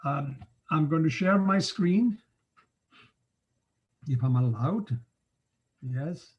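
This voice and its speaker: A man in his seventies from Cyprus, giving an informal online talk from his home study over a video call, unhurried and conversational with frequent filler pauses. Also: a little high, expressive. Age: 70s. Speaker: guest scientist speaker. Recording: dull lo-fi video call audio.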